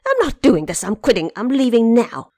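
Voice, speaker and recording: A woman's voice: on the high side, sing-song, normal speed, darkish tone, dry recording, studio quality. A woman voicing a proud, hot-tempered male monkey warrior in an audio drama, boastful and indignant. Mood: enraged.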